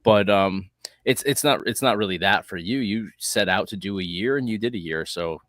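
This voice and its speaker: A man's voice: on the low side, moderate pace, a bit bright. A man hosting a casual livestream chat, rambling and thinking aloud with frequent restarts. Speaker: host.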